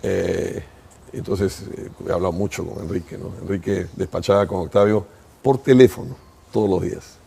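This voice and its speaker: Gravelly older man reminiscing. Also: low-pitched, steady tone, normal speed, dark tone. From Peru. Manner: thoughtful, reminiscing, speaks in first person at length. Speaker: interview guest. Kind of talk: reflective interview storytelling.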